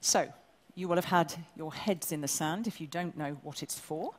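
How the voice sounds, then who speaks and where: Stage presenter, female, English-raised, brisk and teasing, lowish voice, big reverberant hall. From England. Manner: brisk, bossy and jokey with the audience. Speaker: awards ceremony presenter. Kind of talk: live stage hosting. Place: large event hall.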